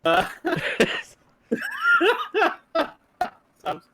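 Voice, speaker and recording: A man who is not a native English speaker, playing in a tabletop game over voice chat, speaking hesitantly. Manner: hesitant, halting speech. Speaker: player. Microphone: headset over voice chat. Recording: crackly voice chat with fan noise.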